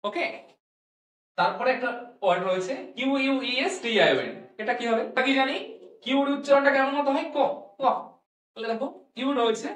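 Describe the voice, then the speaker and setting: A woman teaching English pronunciation to students. She asks questions and answers them herself, and she repeats each sound slowly. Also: sits high, recorded from a distance. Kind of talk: classroom-style lesson. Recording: echoey room, voice from off-mic.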